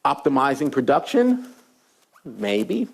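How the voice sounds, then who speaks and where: A man's voice: mid-range voice, very animated, slow pace, creaky, breathy edge. A middle-aged man giving a university lecture, telling stories with animation and asking the audience rhetorical questions. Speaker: associate professor lecturing.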